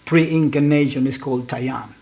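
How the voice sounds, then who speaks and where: Hesitant flat-voiced man. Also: medium pitch, normal speed, gravelly, poor audio. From northern Peru. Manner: hesitant, repeats words. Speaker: interview guest, cast member.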